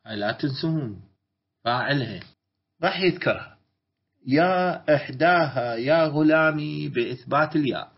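An Iraqi man with a high voice, lecturing on grammar in a classroom. He draws out and repeats key words and puts questions to his students. The recording is dull and lo-fi. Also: normal speed, creaky. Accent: Iraqi Arabic. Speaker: Arabic grammar teacher.

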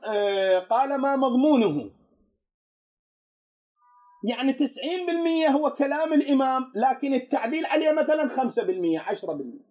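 A man with an Iraqi Arabic accent teaches religious students as a cleric. His voice sits very high and he talks quickly, often posing questions to his listeners before answering them himself. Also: a little mellow. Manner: explanatory, poses rhetorical questions to his students. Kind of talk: religious lesson.

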